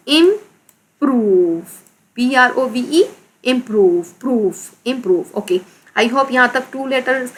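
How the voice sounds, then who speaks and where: A woman's voice: high voice, fairly bright tone. A woman teacher with a Pakistani accent explaining an English lesson in Urdu, repeating words and spelling them out letter by letter.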